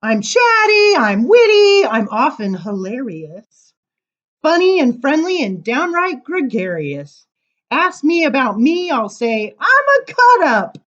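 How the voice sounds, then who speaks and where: Reading poetry to a group of kids, this high-pitched female librarian moves slowly, punctuating lines with lively, singsong stresses and offhand remarks. The recording has its high frequencies cut off.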